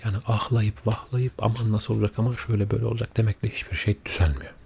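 A man speaking quietly at night in a soft-spoken, confiding ASMR chat, unhurried and often dropping close to a whisper. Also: on the low side, steady tone, creaky. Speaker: ASMR video creator. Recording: audible background noise.

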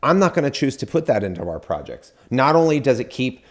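A man's voice: mid-range voice, sing-song, a little fast. A man in his forties, a home builder hosting a show, explaining step by step to camera in an earnest, critical way, recorded on a studio mic indoors. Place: dim studio room, indoors. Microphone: studio mic on boom in front.

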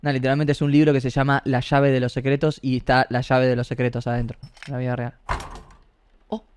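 A young man, joking and swearing in excitable let's-play commentary. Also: medium pitch, fairly quick, clear, resonant tone. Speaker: gaming streamer.

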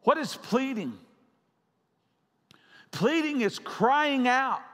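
A man's voice: very high voice, fairly bright tone. A man preaching a sermon as pastor, urgent and repetitive, pressing his listeners. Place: church sanctuary. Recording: long church hall reverb.

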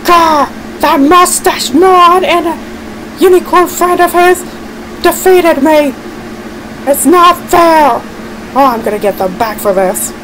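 A woman's voice: mid-range voice, fairly quick, few pauses, slight background noise, close to an everyday voice, rough recording. A woman voicing a vengeful, scheming male monster boss in an amateur cartoon, ranting and exclaiming. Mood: furious.

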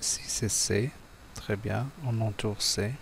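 Slow, patient male teacher. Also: lowish voice, fairly even intonation, vocal fry, slight background noise. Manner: patient, spells letters and syllables one by one. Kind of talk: slow classroom exercise walkthrough.

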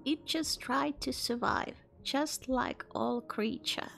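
Woman doing a high-voiced, earnest little opossum boy. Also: slow, vocal fry, a bit bright, exaggerated voice. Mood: earnest, indignant. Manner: broken simple grammar. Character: naive, earnest young male opossum, fond of his mom.

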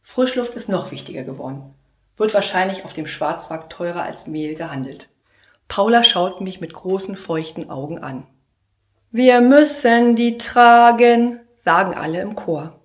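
A woman's voice: fairly low pitch, moderate pace. Young woman performing slam poetry. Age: young adult. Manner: humorous storytelling, lively with sudden shouts. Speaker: trainee teacher. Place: theater stage. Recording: roomy echoey stage sound.

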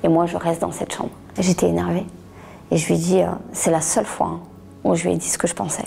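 A middle-aged woman and author telling her story in an interview, halting, restarting words and sometimes sinking to a near whisper. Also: fairly low pitch, flat delivery, creaky, mellow, soft background music. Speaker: author giving a testimony. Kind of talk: personal testimony interview.

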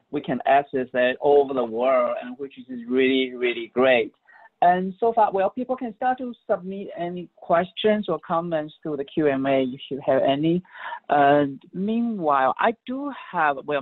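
A man's voice: a little high, no echo. Man moderating Q&A, conversational, thin phone-like sound, dry. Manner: appreciative and conversational. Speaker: session co-host. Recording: tinny, dry phone-like line.

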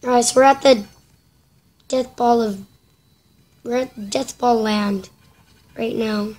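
Excitable high-voiced woman gaming. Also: takes it slowly. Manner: excitable, breaks into high panicked shrieks. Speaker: mobile game player. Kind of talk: casual gameplay commentary.

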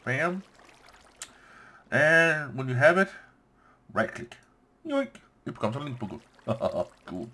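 A man giving casual let's-play commentary on his game, playful and quick to gush with delight. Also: medium pitch, sing-song, pushed and bright. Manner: playful, gushes with delight, says "yoink" and "bam". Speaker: gameplay commentator.

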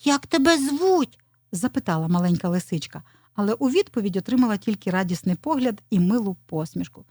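A woman narrating a children's audio story in an expressive storytelling voice. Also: medium pitch, quick pace, dry recording, clean studio sound.

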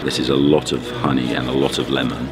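Man, low voice, hoarse smoker's rasp, casual and quick, loud music behind. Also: flat delivery. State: hoarse from a cold. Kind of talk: casual chat.

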